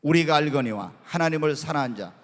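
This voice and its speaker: A middle-aged man preaching a sermon as pastor, telling stories in an animated way and acting out quotes. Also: a little high, brisk. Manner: animated storytelling with acted quotes. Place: church sanctuary. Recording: long hall reverb.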